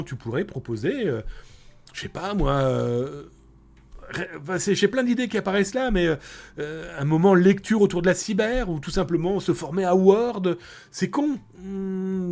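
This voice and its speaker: A middle-aged man from France hosts a relaxed live stream, chatting warmly with his viewers and thanking them one by one. His voice sits a little high and has a gravelly, creaky edge. He laughs easily and keeps a loose, friendly flow of talk. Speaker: streamer reading viewer chat. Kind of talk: casual live-stream chat.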